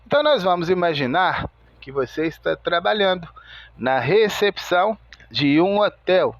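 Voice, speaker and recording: Male language teacher, higher voice, deliberate step-by-step explaining. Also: big pitch swings, no room sound, dull audio. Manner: slow, methodical, spells out sounds word by word. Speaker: English teacher. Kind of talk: video lesson explanation.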